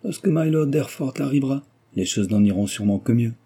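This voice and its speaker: A man's voice: medium pitch, expressive, fast, mellow, slightly rough. A man reading aloud, voicing a frivolous, gossiping young aristocratic lady who talks flippantly and teases. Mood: gossipy, mocking. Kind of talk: audiobook character reading.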